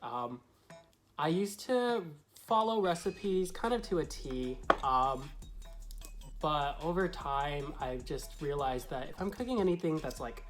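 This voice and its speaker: A man's voice: a little high, animated, a little slow, soft background music. A man who is a drag queen vlogger, talking through a tutorial to camera in a chatty, meandering, explanatory way. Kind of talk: casual tutorial talk to camera.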